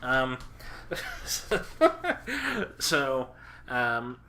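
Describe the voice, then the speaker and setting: A man casually chatting on a podcast as co-host, halting with lots of filler pauses and dry, crude jokes. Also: mid-range voice, wildly swooping pitch, bright, forceful tone, slight background noise.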